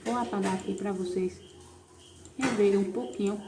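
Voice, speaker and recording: A woman's voice: medium pitch, steady tone, moderate pace, background noise. A woman teacher with a Brazilian accent, patiently explaining a recorded class lesson step by step. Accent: Brazilian Portuguese. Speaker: primary school teacher.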